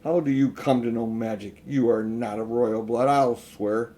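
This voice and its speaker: A man's voice: mid-range voice, steady tone, a little slow, dark tone, close to an everyday voice. A man voicing a haughty, cruel witch queen in a children's storybook, domineering and scornful as she gives commands. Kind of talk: children's storybook read aloud.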